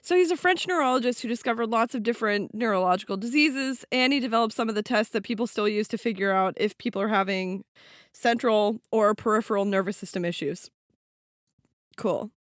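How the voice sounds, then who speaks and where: A woman's voice: fairly high pitch, fairly quick, no room sound, studio quality. A woman co-hosting a podcast, explaining science in a casual, chatty way with some swearing. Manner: casual, swears, laughs often. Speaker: podcast co-host.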